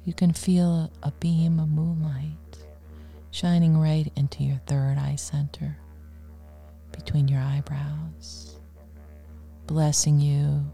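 Hushed, slow woman leading guided meditation. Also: sits low. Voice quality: soft, breathy, often near-whisper. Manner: soothing, hushed, with long pauses between short phrases.

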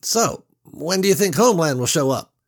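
A man voicing a nervous young male plant worker with a jittery, high-pitched manner. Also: lively intonation, normal speed, gravelly. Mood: curious.

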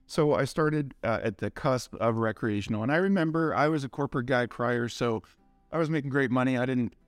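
Soft background music plays as a middle-aged man tells fairly quick, casual anecdotes from his cannabis industry career in an interview. He talks like a laid-back stoner, swearing and slinging slang, in a medium-pitched voice with no room sound.

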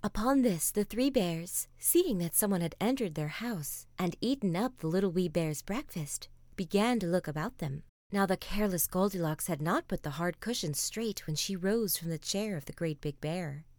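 A woman reading a fairy tale as a soft bedtime story, often slipping into a whisper. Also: lowish voice, expressive, normal speed, hardly any pauses, no room sound, clean studio sound.

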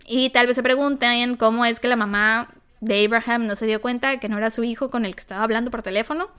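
A woman with a Mexican accent, co-hosting a podcast and retelling a true-crime case in a chatty, animated way with asides. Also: on the high side, fast, smooth. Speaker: podcast co-host. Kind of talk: casual true-crime storytelling.

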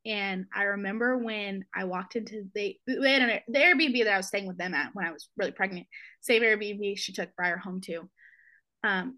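A young woman, a podcast guest, telling a personal story in a halting, emotional way, with many fillers and restarts, close to tears. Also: mid-range voice, sharp tone.

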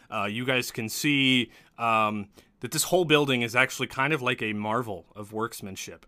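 A man's voice: mid-range voice, bright, forceful tone, smooth, dry recording. A man narrating as game master of a tabletop game, describing scenes casually.

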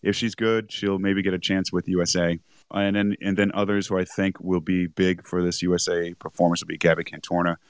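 A man co-hosting a rugby podcast, rambling and correcting himself, a little hoarse as he is losing his voice. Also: low voice, little pitch movement, a little fast, no echo. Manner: rambling, self-correcting, chuckles often. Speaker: podcast co-host. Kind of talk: casual rugby chat.

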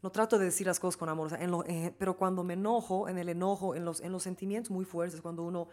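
A woman's voice: lowish voice, steady tone, fast talker, darkish tone. Bolivian woman telling a candid story. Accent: Bolivian Spanish. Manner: candid, storytelling, many restarts and fillers. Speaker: guest. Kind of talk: casual chat.

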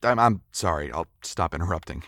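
An actor playing an eager, flustered young newlywed husband in an audio drama, often stammering. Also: male voice, low voice, animated, a little fast, fairly bright tone, dry recording, clean studio sound.

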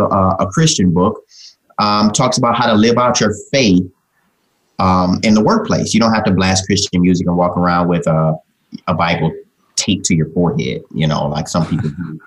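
Deep-voiced man chatting casually in an interview. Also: brisk, rough recording. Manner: informal, folksy, peppered with "man" and "you know". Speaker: interview guest, communication trainer and author.

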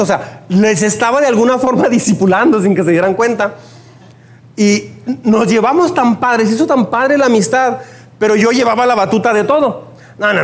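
A man with a northern Mexican accent from Chihuahua, preaching a sermon and telling personal stories, acting out the lines of the people in them. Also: high voice. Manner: animated, acts out quoted dialogue. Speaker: pastor.

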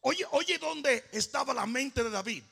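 Fiery high-voiced male preacher, booming hall. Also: lively intonation, a little slow, gravelly, breathy edge. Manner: fervent preaching, shouting and half-singing phrases. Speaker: pastor. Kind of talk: sermon. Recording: long hall reverb.

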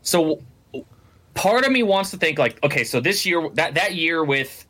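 A man co-hosting a casual sports podcast, talking in an animated, rambling way with lots of restarts and the odd curse. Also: fairly high pitch, unhurried. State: has the hiccups. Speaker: podcast co-host.

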